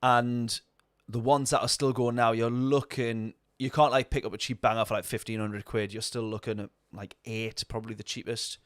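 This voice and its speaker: A man's voice: mid-range voice, flat delivery, moderate pace, hardly any pauses, no room sound, clean studio sound. Chatty man streaming a racing game. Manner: rambling, chatty, answers viewer chat. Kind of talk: casual gameplay commentary.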